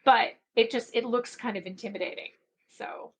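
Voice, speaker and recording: A middle-aged woman who grew up in Belgium, a podcast guest talking casually, laughing easily and letting her phrases trail off softly. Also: a little high, fairly even intonation, normal speed, husky. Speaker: podcast guest, book marketing expert. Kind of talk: casual interview chat.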